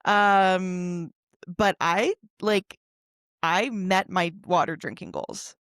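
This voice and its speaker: A woman's voice: fairly low pitch, fairly even intonation, very slow, fairly bright tone, dry recording, studio quality. A young adult woman co-hosting a podcast, talking casually with lots of fillers and laughs. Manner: chatty, full of fillers and laughs. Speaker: podcast co-host. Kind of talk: casual chat.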